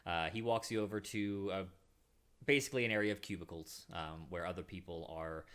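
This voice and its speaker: A man narrating a tabletop role-playing game as game master in a playful, animated way. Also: sits low, a little fast, smooth.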